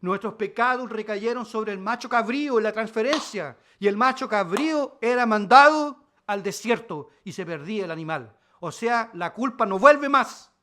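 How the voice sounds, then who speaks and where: Bright-voiced emphatic Chilean preacher man. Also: sits high, moderate pace, few pauses. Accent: Chilean Spanish. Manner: emphatic preaching, swings between loud declarations and quiet asides. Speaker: pastor. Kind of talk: sermon.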